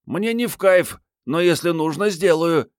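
A man's voice: on the high side, expressive, unhurried, smooth, dry recording, studio quality, voice pushed up. A male audiobook reader voicing a bold, teasing young woman fighter. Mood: brash teasing.

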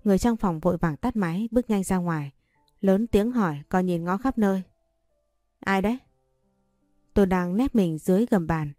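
Mellow-voiced woman narrating a story. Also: mid-range voice, no room sound, studio quality, faint music behind. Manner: steady, measured first-person storytelling. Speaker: audiobook narrator.

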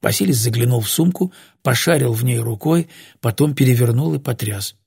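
A male audiobook narrator reads in a measured voice. His tone is gravelly and a little husky, at a middle pitch. The sound is dry and close. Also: expressive, darkish tone, no echo. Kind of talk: scripted narration.

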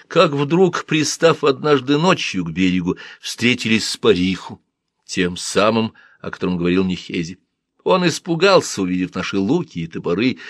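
A man's voice: lowish voice, no room sound, studio quality. A male narrator voicing a devoted royal courtier who recounts a long voyage to his queen respectfully. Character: royal expedition leader, man, devoted, storytelling.

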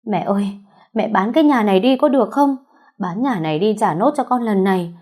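A desperate, begging mother, as a woman narrator acts her out, her voice pushed high and tearful. The tone stays husky and mellow underneath. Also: brisk, natural voice. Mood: tearful pleading. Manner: pleading, tearful, high-pitched. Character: desperate middle-aged mother, gambler, begging and sobbing. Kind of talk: audiobook storytelling.

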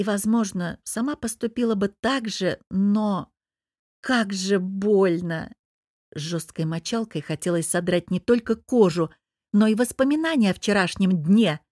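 A woman's voice: mid-range voice, darkish tone, dry recording. Woman narrating a story, dry close sound. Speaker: audiobook narrator. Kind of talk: first-person audiobook narration.

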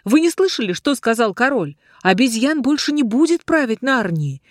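Reader raising the voice for a young girl, impatient, earnest, higher pitched. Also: lively intonation, moderate pace, no room sound, studio quality, natural voice.

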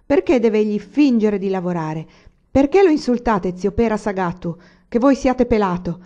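A woman's voice: mid-range voice, lively intonation, normal speed, warm tone, muffled recording, natural voice. A woman voicing a defiant poor peasant woman in a storybook reading, speaking indignantly. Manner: indignant, rebellious.

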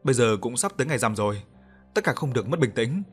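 Man reading a steady older uncle, calm and firm in a storybook horror tale. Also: mid-range voice, quick pace, slightly rough, soft background music. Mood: reassuring.

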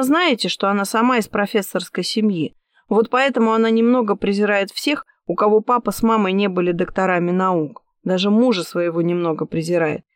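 A woman's voice: medium pitch, no room sound, clean studio sound, natural voice. A woman reading an audiobook voices a young, jealous and defiant mistress who keeps raising her voice in heated protest. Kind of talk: audiobook character voice.

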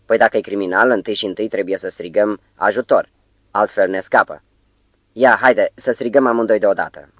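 A man's voice: lowish voice, no echo, natural voice. Man reading as a sly meddling choir conductor. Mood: mock eager.

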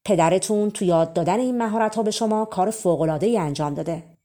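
A woman's voice: mid-range voice, mellow, lightly acted. A woman voicing a stern, commanding male king in a storybook reading. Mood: gracious.

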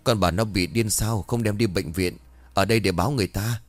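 A man's voice: on the low side, fairly quick, dry recording, close to an everyday voice. A man voicing a blunt, impatient middle-aged man who snaps at others. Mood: gruff. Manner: brusque, snapping.

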